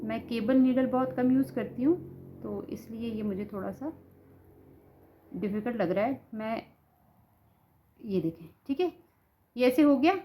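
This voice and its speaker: A knitting instructor speaks at a measured pace with long pauses, her voice fairly high, on a lo-fi recording with a little hiss or hum. Sore-throated but patient, she talks through each stitch step by step, often saying "ठीक है" as she demonstrates.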